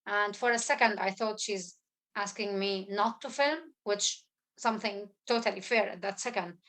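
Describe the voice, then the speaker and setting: Earnest woman, halting speech. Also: medium pitch, a bit bright, rough recording. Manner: halting, many fillers and restarts, intense. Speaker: guest speaker, filmmaker. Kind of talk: earnest testimony at an online symposium. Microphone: video call.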